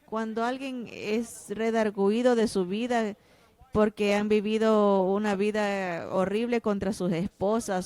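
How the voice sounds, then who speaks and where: A woman at a middle pitch delivers a dubbed sermon with fervent, emphatic conviction. The sound is close and dry, with no room around it. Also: darkish tone, no room sound. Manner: impassioned, emphatic preaching. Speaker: sermon interpreter voicing a pastor.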